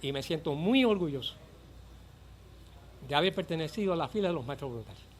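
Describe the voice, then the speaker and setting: An older man with a Cuban accent, a former volunteer teacher giving earnest, measured testimony for a documentary. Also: on the high side, expressive.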